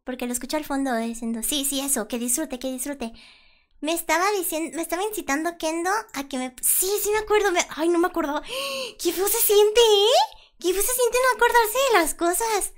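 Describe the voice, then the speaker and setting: Woman, very high voice, lively swooping pitch, casual stream chatter, loud laughing bursts. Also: fairly quick. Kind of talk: casual livestream reaction.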